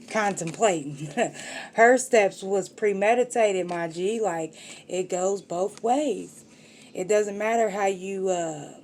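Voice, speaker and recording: A woman's voice: mid-range voice, a little hiss or hum. A woman giving a casual tarot reading, talking straight to the viewer in slangy, profane street talk. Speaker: tarot reader.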